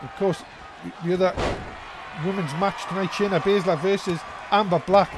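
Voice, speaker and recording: A man calling a wrestling match play-by-play as a commentator, in an excitable, exclaiming manner. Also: high-pitched, normal speed. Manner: excitable, exclaiming at big moves. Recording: loud crowd noise behind commentary. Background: noisy crowd.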